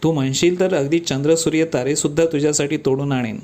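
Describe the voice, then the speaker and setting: A man's voice: a little high, fairly even intonation, fairly quick, a little mellow, lightly acted. A man doing a devoted young rickshaw driver. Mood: earnest, fond. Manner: earnest, reassuring, fond.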